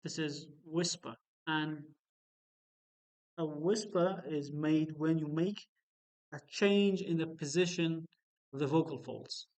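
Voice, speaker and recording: Man, native Kurdish speaker, university lecturer, slow and explanatory, slightly high voice. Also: a little mellow, rough recording. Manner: slow, explanatory, with frequent fillers. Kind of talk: recorded phonetics lecture.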